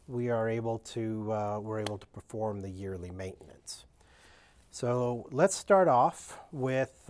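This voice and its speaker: A man's voice: mid-range voice, a little mellow. A man giving an unscripted how-to demonstration of equipment maintenance in a workshop, talking plainly with many fillers and restarts. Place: indoor workshop with benches.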